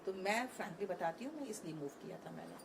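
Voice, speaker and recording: A woman's voice: medium pitch, animated, fast talker, background noise. A woman in her thirties, an online English teacher, talking frankly and animatedly in an interview on a conference stage, mixing Hindi with English.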